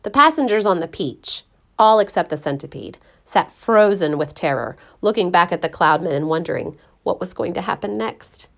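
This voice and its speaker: A woman narrating a children's story aloud in an expressive, animated way. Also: lowish voice, normal speed, creaky, lo-fi sound.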